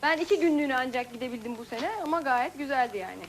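Woman TV host, high voice, chatty and laughing, faint noise behind. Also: lively intonation, fast. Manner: chatty, laughing, reads out viewer faxes. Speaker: TV show host. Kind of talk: casual live TV chat.

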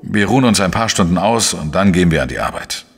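A deep, husky male voice with lively intonation and a long reverb tail, heavily acted. He plays a shrewd, dry investigative journalist narrating his case in a German crime radio play of narration and dialogue, measured, explanatory and matter-of-fact in his reasoning.

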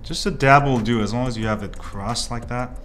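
Brisk and casual, a native Korean-speaking man raised in Korea rambles through a soldering tutorial at an indoor workbench with soft music in the background. He hosts 3D printing tutorials and is chatty, with excited high exclamations and muttered asides. An off-camera microphone captures a hands-only workbench shot.

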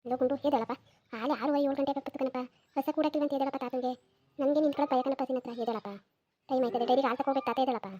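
A woman's voice: sits high, steady tone, rapid-fire, dark tone, highs cut off. A woman doing a nagging village grandmother. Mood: coaxing. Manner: nagging, coaxing. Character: scolding old village grandmother. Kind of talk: cartoon voice acting.

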